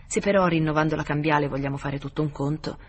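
A man's voice: fairly high pitch, fairly even intonation, close to an everyday voice. A man voicing a placid, sly old moneylender woman who talks without hurry, in a storybook reading. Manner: placid, unhurried.

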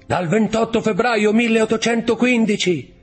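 A man reading an audiobook voices a young sailor locked in a cell, pleading and urgent, with a husky tone. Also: high-pitched, normal speed, soft background music, pitched above the performer's own voice. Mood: earnest. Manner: raised, urgent and imploring. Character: young male sailor prisoner, desperate and pleading.

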